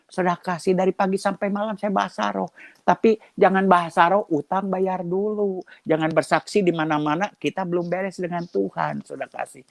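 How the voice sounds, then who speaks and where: Middle-aged male pastor, animated storyteller, dry close sound. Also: brisk, creaky, no room sound. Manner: lively storytelling, acts out dialogue with shifting pitch. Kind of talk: testimony sermon.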